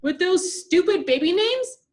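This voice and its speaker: A woman voicing a tough, hot-tempered little superhero girl who talks loud, indignant and mocking. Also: high-pitched, very animated, normal speed, voice pushed up. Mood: fuming.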